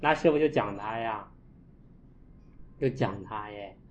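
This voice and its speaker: A man, a Buddhist monk, giving a storytelling dharma talk and acting out his own scolding with sharp jumps in voice. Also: fairly low pitch, a little slow. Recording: echoey, dull lo-fi room.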